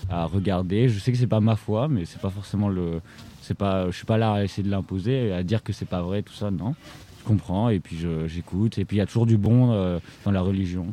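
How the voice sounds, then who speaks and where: A man's voice: deep voice, fairly quick, mellow, slight background noise. A teenage boy giving thoughtful, easygoing interview answers. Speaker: young guest.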